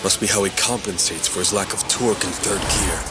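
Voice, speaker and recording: A man's voice: sits low, fairly quick, loud music behind the voice, close to an everyday voice. An actor playing an intent, analytical young male street racer in an anime dub. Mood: focused. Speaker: racing driver. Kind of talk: anime dub inner monologue and radio talk.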